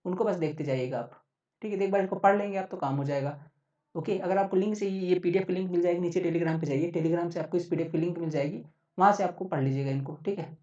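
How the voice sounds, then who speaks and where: A man's voice: high voice, fast talker, warm tone. A man teaching an exam-prep lesson in a casual, chatty way, often checking in with his listeners. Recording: roomy, distant, dull sound.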